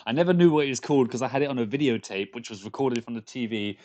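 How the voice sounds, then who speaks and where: A man's voice: mid-range voice, expressive, rapid-fire, a little mellow, muffled recording. English guy, 30s, live-streaming dev, chatty and rambling, trips over his words. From London, England. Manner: rambling, stammering restarts, frequent laughs. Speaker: game developer streaming live. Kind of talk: casual live stream chat with viewers.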